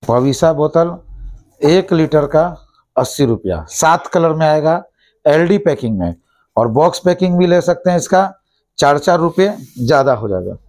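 Brisk man reeling off prices. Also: animated, darkish tone. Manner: brisk, repeats each price like a sales pitch. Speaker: shop owner listing product prices. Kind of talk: product price rundown. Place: small indoor shop office. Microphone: lapel mic.

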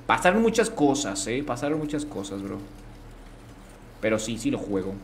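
A man's voice: medium pitch, very animated, normal speed, a little hiss or hum. A man streaming a game live, chatting casually. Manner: chatty, greets chat, slangy.

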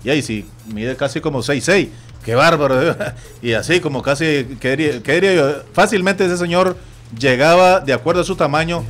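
Nicaraguan guy on sports radio, slightly high voice, tells stories with a lot of back and forth, faint music under it. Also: normal speed. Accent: Nicaraguan Spanish. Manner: animated storytelling, acts out quoted voices. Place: radio studio.

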